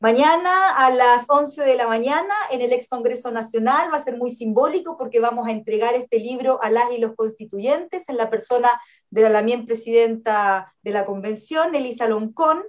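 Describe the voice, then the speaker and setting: A woman speaks as a radio interview guest, her voice sitting a bit high for a woman. She explains in a steady, earnest way, often tagging her points with short checking questions. It sounds like a plain studio microphone. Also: normal speed. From Chile. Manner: earnest and explanatory, frequent "¿no?" and "¿cierto?" tags. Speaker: academic guest.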